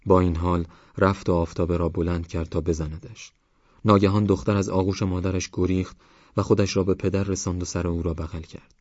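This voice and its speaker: Deep-voiced man reading an audiobook. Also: no room sound, lo-fi sound. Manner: calm, measured, even reading. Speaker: audiobook narrator. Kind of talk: scripted audiobook narration.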